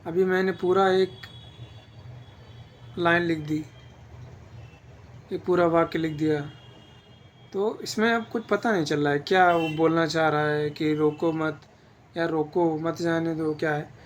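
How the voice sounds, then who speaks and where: A man's voice: fairly high pitch, a little slow, pauses often, a little hiss or hum. A man teaching an exam-prep grammar lesson, explaining patiently and checking in with his listeners as he goes.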